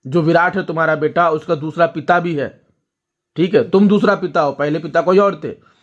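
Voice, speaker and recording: A man's voice: fairly high pitch, steady tone, moderate pace. Man telling a family story, lo-fi sound. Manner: storytelling, addresses viewers directly with frequent "ठीक है?". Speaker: vlogger. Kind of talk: casual talk to camera.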